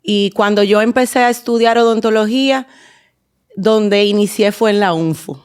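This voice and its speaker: A Dominican woman in her forties with a Dominican accent, a guest in a podcast interview, telling her story in an unhurried way with many fillers and restarts. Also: medium pitch, clean tone. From Dominican Republic. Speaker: guest, endodontist and dental teacher.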